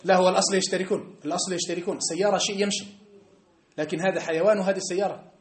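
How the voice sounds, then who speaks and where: Fast, high-voiced North African Arabic teacher. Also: male voice, fairly even intonation. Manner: emphatic, keeps checking understanding with rhetorical questions. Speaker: religious teacher. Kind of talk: classroom lesson. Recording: echoey room.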